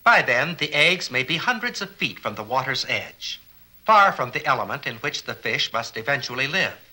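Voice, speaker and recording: A man's voice: mid-range voice, big pitch swings, moderate pace, pushed and bright, slightly rough, rough recording. A man giving scripted educational documentary narration in an earnest, explanatory way, often posing rhetorical questions. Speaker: film narrator.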